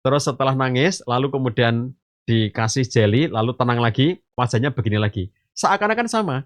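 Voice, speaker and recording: A man's voice: mid-range voice, expressive, fairly quick, no room sound. A man, an Islamic teacher on a podcast, giving a parenting talk and explaining through homely stories and analogies, addressing listeners as fathers and mothers and often saying "gitu" and "eh". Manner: addresses listeners as ayah bunda; frequent filler gitu and eh. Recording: dry, slightly muffled.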